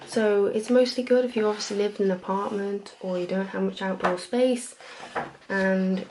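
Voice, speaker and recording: A woman playing a friendly, chatty librarian in a soft-spoken, gentle and informal ASMR role-play. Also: medium pitch, fairly even intonation, moderate pace, noisy background, natural voice. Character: friendly, chatty female librarian recommending books.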